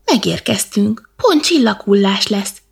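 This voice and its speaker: A woman's voice: on the low side, vocal fry, husky, exaggerated voice. A woman voicing a small, cheerful, eager male badger in a children's storybook. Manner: excited, exclaiming. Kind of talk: storybook character voice.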